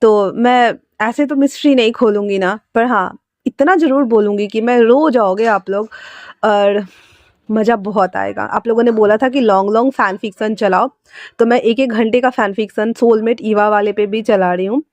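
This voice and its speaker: A woman's voice: on the high side, moderate pace, darkish tone, no room sound. A young woman with a sore throat chatting casually and narrating a fan fiction story, with scolding asides.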